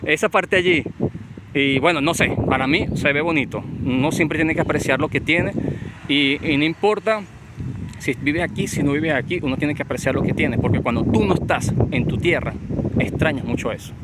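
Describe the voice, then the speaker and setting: A man's voice: a little high, normal speed. A man with a Venezuelan llanero accent, vlogging as he walks outdoors and talks to viewers through his phone mic, rambling with restarts, sweating in the heat. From Portuguesa state, Venezuela. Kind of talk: walking vlog, casual chat. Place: outdoors on overgrown urban lots and streets. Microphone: phone mic, handheld. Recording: noisy outdoor phone recording.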